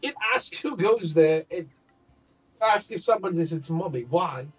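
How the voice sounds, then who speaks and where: A man chats as a player in a tabletop game, informal and animated. His pitch is on the high side and moves around a lot. Music is clearly audible behind him. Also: a little slow, distant mic, poor audio. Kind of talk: casual in-character and descriptive game chat. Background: background music.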